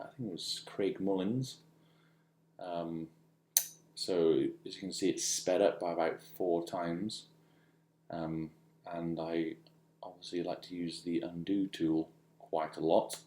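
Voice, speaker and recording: Low male voice, casual demo narration, halting and musing, echoey room recording. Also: a little mellow. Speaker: digital artist demonstrating own work.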